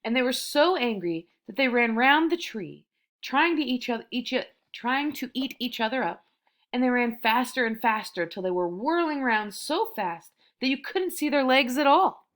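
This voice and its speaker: Brief: young woman storyteller, fairly high voice, playful asides. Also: lively intonation, normal speed, fairly bright tone. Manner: amused, chatty asides between reading. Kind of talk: children's story read aloud with casual asides.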